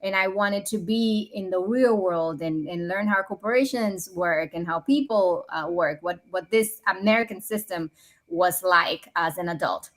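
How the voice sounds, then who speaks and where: A woman's voice: lowish voice, a little slow. A woman in her forties from the Dominican Republic, raised in New York, sharing her story as a podcast guest in an earnest, upbeat way. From Dominican Republic, raised in New York City. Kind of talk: conversational interview.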